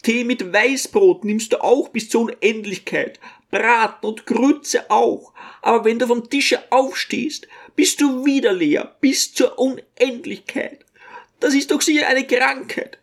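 A man reading an audiobook and voicing a fussy, pious, tearful old mother in a high, pleading voice. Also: unhurried, exaggerated voice. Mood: fretting. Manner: pleading, fretful, high-pitched. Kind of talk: audiobook character voice.

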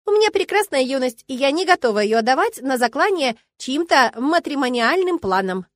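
A woman voicing a lively, cheeky young aristocratic woman in an audiobook, bright and eager in her sassy delivery. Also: high-pitched, fairly quick, no echo, clean studio sound, pitched above the performer's own voice. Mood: perky. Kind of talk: audiobook character voice.

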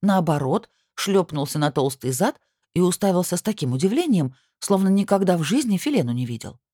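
A woman reads a first-person story aloud in a low, deep voice, with lively, wry storytelling. The sound is dry and close, with no room around it. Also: brisk, no echo. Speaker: audiobook narrator. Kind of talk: first-person scripted narration.

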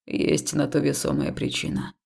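A woman voicing a young male necromancer who speaks in a cool, unhurried, indifferent way in an audiobook. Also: a bass voice, very animated, gravelly, darkish tone, husky, pitched below the performer's own voice, full character voice. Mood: aloof, calm. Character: calm aloof male necromancer, young man. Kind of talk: audiobook character voice.

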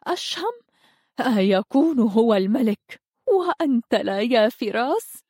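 A woman's voice: medium pitch, very animated, unhurried, warm tone, husky, no echo, clean studio sound. A woman voicing a scornful, pregnant princess who mocks her husband in a jeering way. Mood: mocking. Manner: mocking, jeering.

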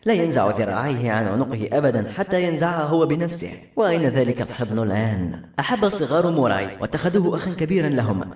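A male narrator reads a novel aloud with expressive storytelling. He keeps a brisk, fast pace, and a roomy echo surrounds his medium-pitched voice. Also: far from the mic. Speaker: audiobook narrator.

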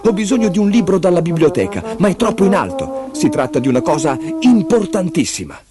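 An excited little boy king with a high, bright voice, as a man puts him on. He sounds eager and curious, from a storybook read aloud with music behind. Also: a little fast. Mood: urgent.

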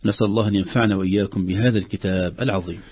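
A man teaching the rules of Quran recitation, patiently demonstrating words slowly and repeating them. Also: fairly low pitch, steady tone, husky, dry recording, highs cut off. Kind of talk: explaining recitation rules with spoken examples.

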